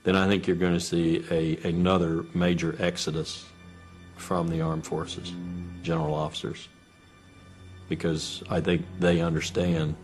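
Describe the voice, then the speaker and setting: Man w a really deep voice making firm predictions, light music in the back. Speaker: commentator. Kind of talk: interview commentary.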